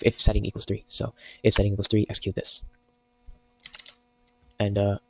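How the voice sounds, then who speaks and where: A young man walks through code in a relaxed, meme-laced tutorial, his voice low and a little husky. He keeps a fairly level, even tone. The sound is dry and close, with no room around it. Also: no room sound, poor audio. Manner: jokey, meme-filled explaining. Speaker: programming tutor. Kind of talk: casual screen-recorded coding tutorial.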